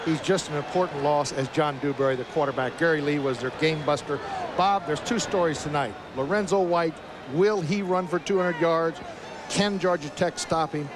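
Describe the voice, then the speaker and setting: Male colour commentator, slightly high voice, live football call with clear stadium noise. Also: normal speed. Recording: noisy outdoor stadium broadcast.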